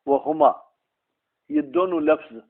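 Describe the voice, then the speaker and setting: A man teaching an Arabic grammar class, explaining slowly and quizzing his students by name. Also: extremely high pitch, wildly swooping pitch, gravelly. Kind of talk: classroom lesson, questioning students. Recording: tinny phone-like recording.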